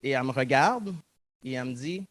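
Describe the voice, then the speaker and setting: A man's voice: mid-range voice, expressive, brisk, a bit bright, dry recording. A man in his thirties from Montreal with a Québécois accent, giving a public talk and reflecting earnestly on his own story. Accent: Québécois French. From Montreal, Quebec. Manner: earnest, reflective, acts out remembered dialogue. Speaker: guest speaker.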